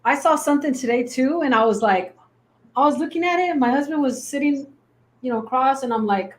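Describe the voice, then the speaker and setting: A married woman on a video-call panel chattily retells a conversation with her husband. Her voice sits slightly high. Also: fairly quick. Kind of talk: casual storytelling.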